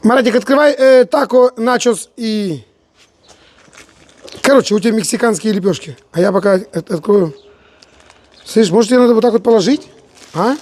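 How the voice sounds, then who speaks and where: A woman's voice: on the high side, moderate pace, pauses often, darkish tone. A woman with an Odessa Russian accent bantering casually as she cooks, playfully bossy and affectionate in a colloquial way. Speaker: home cook in a family food video. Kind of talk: casual banter while cooking.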